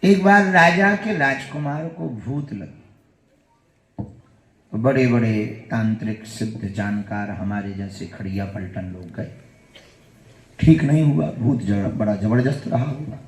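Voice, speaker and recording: A man preaching a sermon, telling a folksy story with chuckling asides and sudden loud exclamations. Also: lowish voice, unhurried, roomy sound. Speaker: spiritual preacher.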